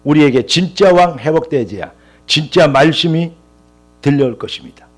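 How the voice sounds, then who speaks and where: A man's voice: on the high side, expressive, normal speed. A male pastor preaching a sermon with impassioned, rising emphatic lists and calls of hallelujah.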